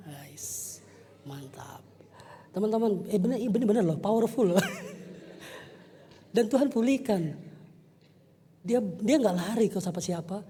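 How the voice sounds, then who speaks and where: A high-voiced man preaches a youth service sermon in a church hall. He tells personal stories animatedly and jokes with his listeners.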